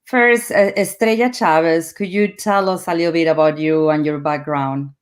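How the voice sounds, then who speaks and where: A woman's voice: sits low, fairly even intonation, moderate pace. A woman from Mexico with a Mexican Spanish accent, a Spanish native speaker, hosting and introducing guests in an upbeat way. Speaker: host. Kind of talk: hosting an online event.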